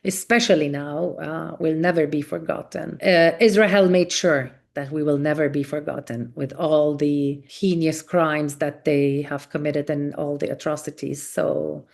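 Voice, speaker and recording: Low-voiced woman recalling her past. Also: fairly even intonation, vocal fry, darkish tone. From born in Kuwait. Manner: reflective and earnest, with frequent pauses and restarts. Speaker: podcast guest. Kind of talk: personal storytelling in an interview.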